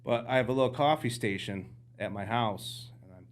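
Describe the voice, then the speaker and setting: A man, an outdoorsman from the United States, telling hunting stories as a podcast guest in casual, animated chat. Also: mid-range voice, brisk. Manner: animated storyteller, jumps into quoted voices.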